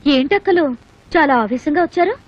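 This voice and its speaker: An actress playing a defiant young woman who taunts her sisters-in-law with sharp, scornful retorts. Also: sits high, brisk, lightly acted. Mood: taunting. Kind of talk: film dialogue. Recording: dull film soundtrack with faint music.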